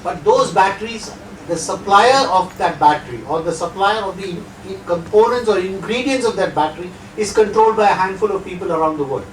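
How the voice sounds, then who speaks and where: In an echoey lecture hall, picked up by a distant mic with slight background noise, a middle-aged guest lecturer speaks Indian English in a high voice, briskly and with few pauses. His first language isn't Hindi. He lectures and answers audience questions conversationally, adding rhetorical asides.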